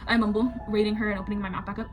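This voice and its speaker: A woman's voice: medium pitch, little pitch movement, racing, music in the background, poor audio. A woman reading horror stories aloud for a vlog, breaking off now and then for joking asides.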